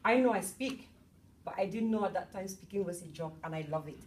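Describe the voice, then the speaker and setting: A woman's voice: medium pitch, fairly quick. Bubbly woman from cameroon giving a talk, mic a bit far off, faint hiss in the room. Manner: bubbly, animated, chatty with the audience. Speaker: motivational speaker. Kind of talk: public talk at an event. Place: event room with an audience.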